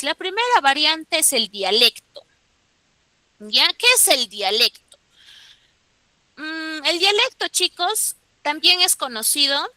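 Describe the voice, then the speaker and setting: A woman's voice: high-pitched, sharp tone, no room sound. A woman, teaching a class and often stopping to check that students follow. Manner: explains with frequent checking questions to students. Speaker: school teacher. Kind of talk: classroom lecture.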